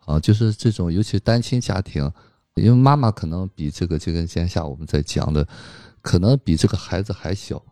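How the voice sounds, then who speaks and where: A man's voice: low-pitched, a little fast, mellow, dry recording, clean studio sound. A man, a psychological counselor, explaining patiently as a guest in a casual film discussion, with frequent fillers.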